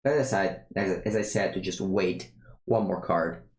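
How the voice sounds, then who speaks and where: A young Italian man with an Italian accent speaks in a low, darkish voice with fairly even intonation at a moderate pace, and the recording is reverberant. He's a streamer casually commenting on his own card game as he plays, thinking aloud and often restarting his sentences.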